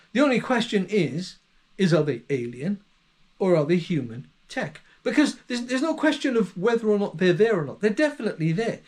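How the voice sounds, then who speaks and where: A man hosting a solo video monologue, musing and speculating as he goes and often correcting himself mid-sentence. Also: high-pitched. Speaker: channel host.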